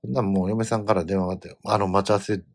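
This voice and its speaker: A middle-aged man with a Kansai accent, telling a family travel story in casual chat, animated and given to loud outbursts. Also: fairly low pitch, racing.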